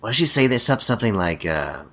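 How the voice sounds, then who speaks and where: Deep-voiced man rambling about movies. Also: fast talker. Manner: rambling, animated retelling of scenes with quoted lines. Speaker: podcast co-host. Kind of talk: casual chat about bad movies.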